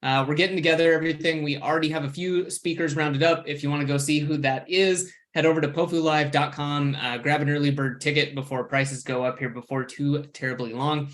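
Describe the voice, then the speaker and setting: A man co-hosting a live online question-and-answer show, chatty and relaxed with many fillers. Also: a little high, brisk, few pauses. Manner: relaxed, filler-heavy announcer. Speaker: co-host. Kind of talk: casual webinar chat.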